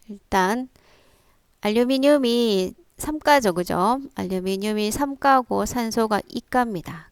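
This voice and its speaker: A woman's voice: mid-range voice, gravelly, clear, resonant tone, dry recording. A woman science teacher explaining step by step in a lecture, prompting with rhetorical questions. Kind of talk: classroom lecture.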